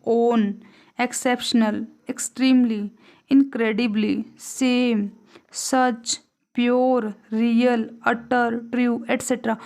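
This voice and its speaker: A young woman with an Indian accent teaching an English grammar lesson in Hinglish. She asks questions and answers them herself, and she reads each example sentence slowly before translating it. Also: a little high, a little mellow.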